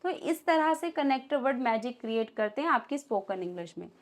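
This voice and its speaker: A woman with an Indian accent teaching an online English lesson in Hindi, reading example sentences slowly and then translating them. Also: high-pitched, lively intonation.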